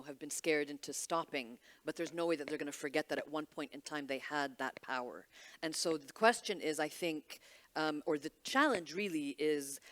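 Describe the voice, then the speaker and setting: A woman from Egypt speaks on a summit panel in a candid, wry way. She restarts her sentences often and leans on fillers as she works through her point. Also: low voice. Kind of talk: panel discussion.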